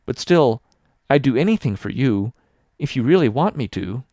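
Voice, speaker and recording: A man's voice: medium pitch, very animated, normal speed, mellow, no room sound, clean studio sound, voice pushed up. A man voicing a dramatic, imaginative orphan girl of about eleven who pleads in a theatrical, gushing way. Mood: earnest.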